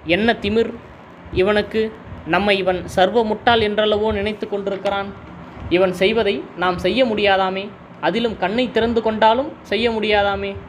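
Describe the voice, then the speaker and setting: Story reading: man voicing a gullible hothead, indignant and quick to bristle, high voice. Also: steady tone, slight background noise, lightly acted. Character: hot-tempered gullible man easily provoked.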